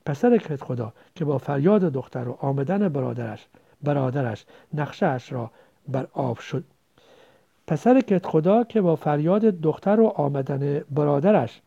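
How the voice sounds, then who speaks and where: A man narrating a story in a measured, expressive way. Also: fairly high pitch, creaky. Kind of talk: audiobook narration. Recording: dull lo-fi recording.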